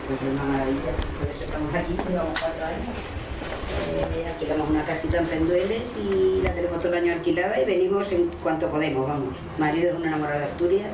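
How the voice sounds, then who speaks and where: Woman from Toledo, low and quick, eager; distant, echoey noisy pickup. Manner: enthusiastic, talks fast. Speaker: interviewee. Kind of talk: casual chat. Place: outdoors in a village. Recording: far from mic, echoey, noisy.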